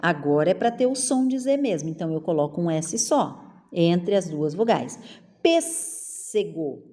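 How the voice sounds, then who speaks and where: A middle-aged woman with a Brazilian Portuguese accent, teaching a spelling lesson to children and drawing words out slowly, one at a time. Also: fairly low pitch, sing-song, dark tone. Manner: slow, drawn-out word-by-word enunciation.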